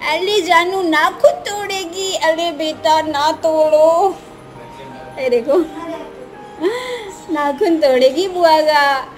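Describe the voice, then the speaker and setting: A woman's voice: extremely high pitch, takes it slowly, long pauses, over music. A woman vlogging at home in a cooing, sing-song baby-talk manner, chatting to a little girl and narrating her day. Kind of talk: casual home vlog, baby talk to a niece. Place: family home indoors.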